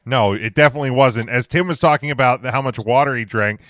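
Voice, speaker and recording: A man's voice: medium pitch, quick pace, fairly bright tone, no echo, studio quality. A man hosting a casual podcast with friends, who swears and laughs easily as he runs the segment. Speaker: podcast host. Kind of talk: casual banter among friends.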